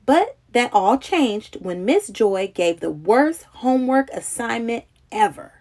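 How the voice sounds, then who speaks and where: Reading slowly from a children's picture book, a woman with a fairly high pitch gives a dramatic, expressive storytelling performance with a childlike quality.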